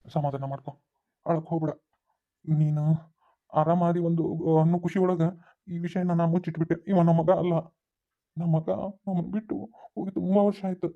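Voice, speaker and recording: A man playing a sad village father in a cartoon, with a North Karnataka accent, speaking slowly. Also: on the high side, natural voice. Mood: sorrowful. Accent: North Karnataka Kannada. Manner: slow, flat and sorrowful. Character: middle-aged village father, sad and confessing. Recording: tinny phone-like sound.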